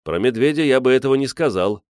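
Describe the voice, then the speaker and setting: A man's voice: medium pitch, animated, fast talker, a little mellow, clear, resonant tone, no room sound, clean studio sound, voice pushed up, natural voice. A man playing a sly old polar explorer with a teasing manner who spins tall tales. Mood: joking.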